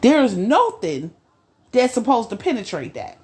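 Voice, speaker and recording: A woman's voice: a little high, big pitch swings, a little mellow. Emphatic woman with a preaching cadence. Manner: emphatic, preaching cadence with slow stressed phrases. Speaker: podcast co-host. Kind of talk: casual podcast discussion.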